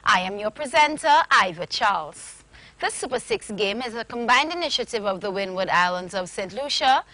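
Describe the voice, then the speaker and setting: A woman's voice: mid-range voice, expressive, moderate pace, pushed and bright, rough recording. A young woman presenting a scripted televised lottery draw as host, with formal announcer phrasing. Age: young adult. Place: TV studio.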